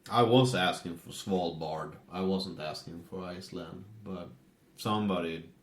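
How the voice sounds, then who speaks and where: Brief: low-voiced male podcast co-host, easygoing sidekick with dry jokes, echoey room. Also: measured pace. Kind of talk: casual podcast banter.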